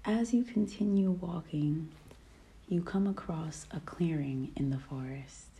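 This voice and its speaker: Lady host leading a meditation, real slow, soft and whispery. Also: fairly low pitch. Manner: soft, calm, partly whispered delivery. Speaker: podcast host. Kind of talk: guided meditation.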